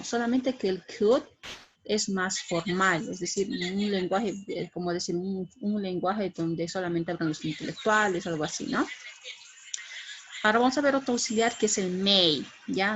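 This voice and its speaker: A woman's voice: medium pitch, a little hiss or hum. A middle-aged woman giving an English grammar lesson, explaining patiently and checking in with frequent tag questions. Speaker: English teacher.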